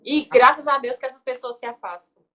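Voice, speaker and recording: A woman's voice: high voice, fairly quick, pushed and bright. A woman hosting a conversation, responding with sympathy and affirming what her guest says. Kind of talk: casual chat.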